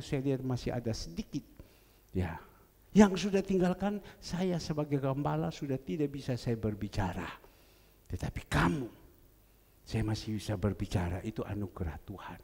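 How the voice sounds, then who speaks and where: Gravelly-voiced preacher in an echoing church. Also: male voice, mid-range voice. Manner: storytelling preacher, swings from loud to hushed. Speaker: pastor. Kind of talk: sermon. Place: large church. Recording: echoey church hall.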